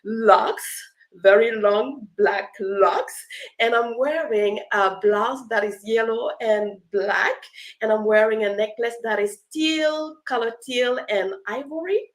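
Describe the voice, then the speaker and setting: Cheerful high-voiced woman hosting a live stream. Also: takes it slowly. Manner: cheerful, laughs often, reads comments aloud. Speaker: live session host, accessibility expert.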